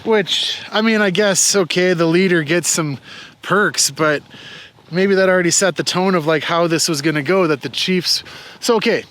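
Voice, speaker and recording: A man's voice: high voice, normal speed, fairly bright tone. A man interviewing casually, thinking aloud in a tentative way with lots of filler words.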